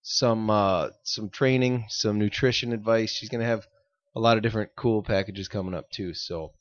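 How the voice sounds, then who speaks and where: A man's voice: lowish voice, fairly even intonation, moderate pace, dry recording. Laid-back guy co-hosting a fitness podcast. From United States. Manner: laid-back, rambling, laughs often. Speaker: podcast co-host. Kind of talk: casual chat. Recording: dull lo-fi audio.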